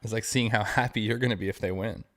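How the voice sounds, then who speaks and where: A man co-hosting a sports podcast, chatting loosely and circling back on his own sentences. His voice sits a little low. He talks in easy, unpolished bursts full of ums and uhs. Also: steady tone, fast, fairly bright tone. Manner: rambling, many fillers and restarts, laughs often. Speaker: podcast co-host. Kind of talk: casual sports chat.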